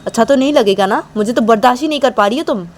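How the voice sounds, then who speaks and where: A woman's voice: on the high side, very fast, slight background noise, pitched above the performer's own voice, close to an everyday voice. A woman voicing a hot-tempered, jealous young woman who scolds and threatens, repeating herself, in an amateur audio story. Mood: angry. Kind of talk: amateur storytelling with voiced dialogue.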